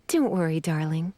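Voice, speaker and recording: A woman's voice: sits low, heavily acted. A woman voicing a teasing, flirtatious mature female librarian mage in a game dub, who calls people darling. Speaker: game character, English dub.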